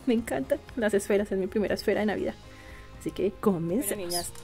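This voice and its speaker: A woman's voice: medium pitch, dark tone. Gushing Medellín-accented woman vlogger. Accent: Colombian, from Medellín. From Colombia. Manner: chatty and gushing, calls viewers "chicas" and "mis amores". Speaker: beauty vlogger. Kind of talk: casual product review for viewers.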